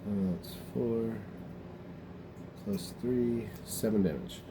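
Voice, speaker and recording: A man's voice: on the low side, takes it slowly, background noise. A man playing a tabletop game, laid-back and wry. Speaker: player. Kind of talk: casual game talk.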